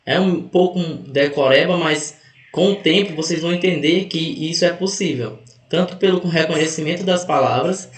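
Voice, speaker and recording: Man teaching grammar, echoey room. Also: fairly high pitch. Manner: explanatory, stretches words to stress syllables; self-correcting, restarts mid-phrase. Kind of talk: online exam-prep lesson.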